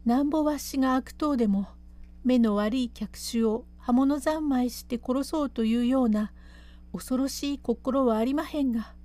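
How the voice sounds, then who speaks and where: A woman voicing a composed courtesan who explains herself quietly and steadily in old pleasure-quarter speech. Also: fairly high pitch, lightly acted.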